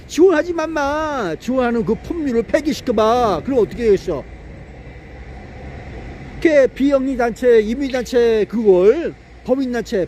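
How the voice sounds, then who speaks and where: A man's voice: very high voice, mellow, a little hiss or hum. A man giving a casual political monologue, mocking and scolding, firing off rhetorical questions and laughing to himself. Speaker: political commentator.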